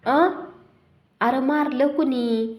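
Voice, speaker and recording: A woman voicing a sly, self-important village headman who blusters loudly. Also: sits high, fairly even intonation, extremely slow, pitched above the performer's own voice. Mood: blustering. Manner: loud, blustering.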